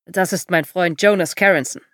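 A woman reading a charming older American gentleman. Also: on the low side, moderate pace, no echo, studio quality, close to an everyday voice. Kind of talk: audiobook reading.

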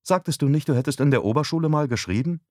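A man voicing a calm, persuasive young wife in an audiobook, raising his pitch and speaking gently. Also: fast talker, no echo, studio quality, lightly acted. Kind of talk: audiobook dialogue.

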